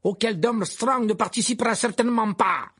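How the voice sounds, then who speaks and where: A man performs a full character voice for an audiobook, playing a haughty, irritable male headmaster full of indignation and scorn. His delivery is expressive, shrill and sneering, at a moderate pace, slightly rough with vocal fry.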